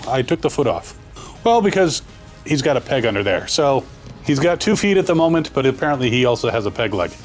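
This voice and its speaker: A man hosting a casual toy unboxing review, talking through it with joking, wisecracking asides. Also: on the high side.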